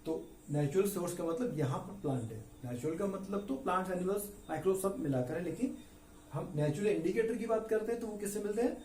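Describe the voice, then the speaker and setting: Science teacher guy, kinda high voice, mellow, walks through it slow and asks the class stuff, faint hiss. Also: lively intonation, echoey room, recorded from a distance. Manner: explains step by step, repeats key words, asks questions. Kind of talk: classroom lecture in Hinglish.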